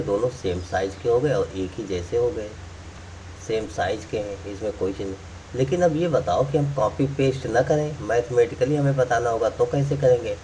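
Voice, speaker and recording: A man's voice: medium pitch, dark tone, recorded from a distance, a little hiss or hum. A man teaching math, explaining step by step while drawing and repeating key points. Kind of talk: classroom explanation.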